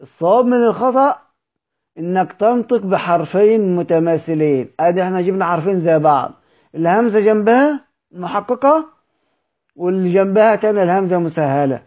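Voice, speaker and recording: A man with an Egyptian accent teaching Quran recitation rules in an online lesson, explaining slowly and repeating example words in drawn-out form. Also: sits high, lively intonation, muffled recording. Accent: Egyptian Arabic.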